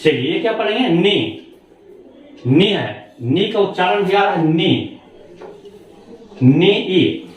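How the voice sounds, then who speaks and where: A male teacher takes his class through the lesson one step at a time, asking questions and answering them himself. His voice sits fairly high and moves up and down a lot. It is recorded from a distance in a strongly echoing room. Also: very animated, measured pace. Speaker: shorthand teacher. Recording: very echoey room, voice far from mic.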